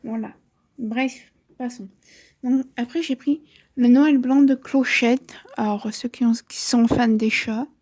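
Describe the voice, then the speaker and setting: A young woman in her twenties talks through her book haul in a slow, unhurried way. Her voice sits a little high but sounds mellow and soft-edged. She rambles, corrects herself mid-sentence and drops chatty asides. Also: fairly even intonation. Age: 20s. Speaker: book vlogger. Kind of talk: casual book haul chat.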